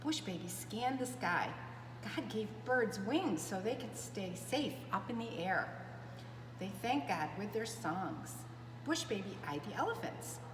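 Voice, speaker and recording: Here the storyteller's pitch is medium and her delivery animated but a little slow. She reads to preschoolers with expression, chatting to them along the way. The room echoes, and background noise comes through clearly.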